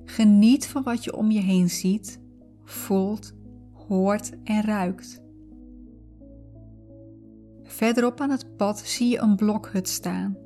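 Woman doing a guided meditation, slow n soothing, soft music behind her. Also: medium pitch. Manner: calm, soothing, unhurried delivery with pauses. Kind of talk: guided visualization, scripted narration. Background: background music.

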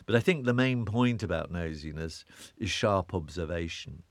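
A British urbanist with a very deep voice, guesting in a reflective conversational interview, thinks aloud loosely, rambling, interrupting himself, circling back and repeating words as he searches. He's animated at a moderate pace, recorded dry and close with no room sound.

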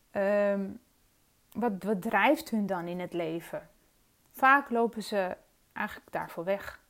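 Woman, middle-aged, coaching podcast host, reflective, hesitant, medium pitch. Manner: earnest and reflective, with frequent hesitations. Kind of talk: personal solo podcast talk.

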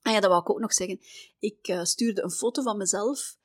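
A middle-aged Flemish woman from Belgium hosting a podcast, telling personal travel stories in a chatty way, often dropping to a soft near-whisper. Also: medium pitch, brisk, dry recording, clean studio sound. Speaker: podcast host.

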